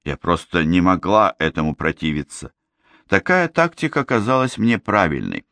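Male narrator, very low voice, measured read of a fantasy novel, dry close studio sound. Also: no room sound. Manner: steady, measured storytelling. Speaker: audiobook reader. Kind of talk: scripted narration.

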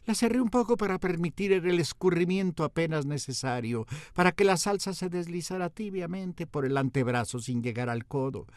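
A man, a radio host telling a humorous first-person story in a lively, theatrical, self-mocking way. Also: a little high, normal speed, few pauses, no echo, clean studio sound.

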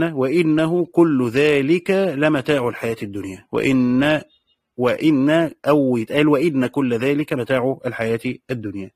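A man with an Egyptian accent teaching a classical text, repeating key phrases, reading quotations slowly and checking with the class through short questions. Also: mid-range voice, no room sound, studio quality. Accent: Egyptian Arabic. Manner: reads quoted passages slowly.

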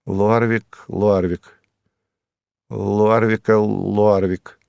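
An odd foreign stranger who speaks in slow, halting, emotionless phrases, as a male audiobook reader puts him on. The voice is low-pitched and sounds close and dry. The delivery stays level and blank throughout. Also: creaky, clear, resonant tone, no echo, exaggerated voice. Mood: flat. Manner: slow, flat, halting speech without emotion. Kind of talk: audiobook character voice.

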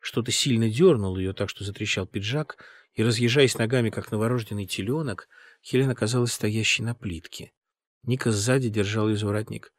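A man narrating an audiobook with a lively, dramatic delivery. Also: fairly low pitch, fairly quick, no echo, clean studio sound.

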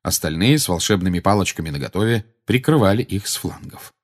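A man narrating an audiobook in a measured storytelling manner. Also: deep voice, lively intonation. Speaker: audiobook reader. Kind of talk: scripted narration.

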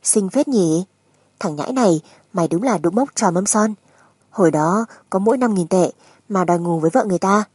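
A woman narrator plays a jeering man in a gambling den for an audiobook. He is coarse and teasing. The tone is mellow with a husky edge. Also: mid-range voice, brisk, no room sound, close to an everyday voice.

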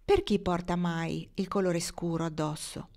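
A woman's voice: on the low side, steady tone, measured pace, a little mellow. A woman reading the part of a passionate young woman poet in a novel, speaking earnestly.

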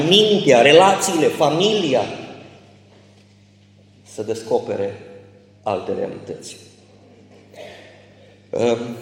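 A man's voice: a little high, a little mellow. A man preaching an impassioned sermon as a pastor, swelling to emphatic peaks, in a church. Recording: echoey church hall.

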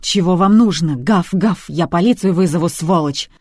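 The audiobook narrator voicing a rude, hysterical housewife who yells abuse at intruders. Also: medium pitch, animated, moderate pace, slightly rough, no echo, clean studio sound. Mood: shrieking angry. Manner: yelling, abusive.

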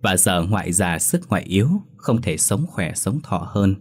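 A man's voice: sits low, lively intonation, normal speed. A man narrating a first-person story in a bitter, scornful tone.

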